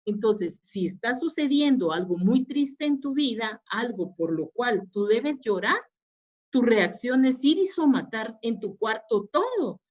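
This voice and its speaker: A woman's voice: a little high, animated, measured pace, darkish tone. Woman lecturing in a webinar. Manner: explanatory, with frequent fillers and restarts. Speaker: psychologist. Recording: dull lo-fi webinar audio.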